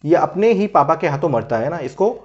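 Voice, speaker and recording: A man's voice: a little high, very animated, brisk. A man explaining a play in a casual lesson, often checking in with his listeners and stopping to correct names as he recalls them. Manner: chatty, frequent "hai na" and "theek hai" check-ins; hesitant restarts while recalling names. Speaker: literature teacher. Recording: dull lo-fi recording.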